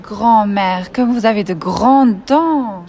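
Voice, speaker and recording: A woman reading a storybook aloud, voicing a naive, trusting little girl with a bright, eager delivery. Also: medium pitch, slow. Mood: wondering.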